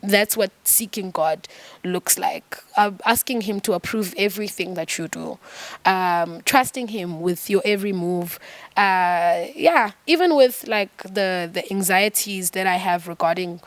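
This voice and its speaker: A woman's voice: mid-range voice, a little slow, no room sound. A young woman with a South African accent, a gospel singer talking candidly and earnestly about faith in a podcast interview. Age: young adult. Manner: earnest, preachy testimony.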